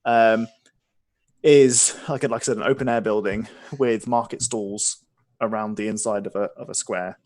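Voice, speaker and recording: A man's voice: lowish voice, fairly even intonation, normal speed, a little mellow, no room sound. A man game master narrating and chatting through a tabletop game stream in an informal, self-deprecating way.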